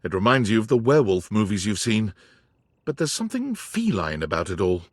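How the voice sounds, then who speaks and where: A man giving scripted narration in a video game, soft and storytelling. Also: fairly low pitch, sing-song, a little fast, dry recording, studio quality.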